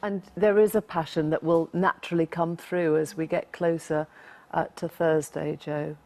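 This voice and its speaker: Woman news anchor, low gravelly voice, measured and halting questions. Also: flat delivery, a little mellow. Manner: measured, hesitant questioning with fillers. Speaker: news presenter. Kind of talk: broadcast interview questions.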